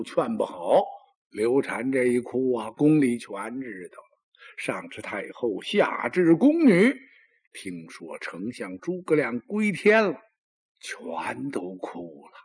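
A man's voice: a little mellow, husky. A man performing traditional Chinese storytelling in a dramatic, exclamatory manner. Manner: dramatic, exclamatory, with lots of pitch swings.

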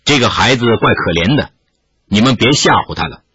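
A man voicing a calm, merciful older monk who speaks slowly and gently in a low voice, on a dull lo-fi recording. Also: breathy edge, no room sound, exaggerated voice. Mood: gentle. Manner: slow, gentle, low-pitched pleading.

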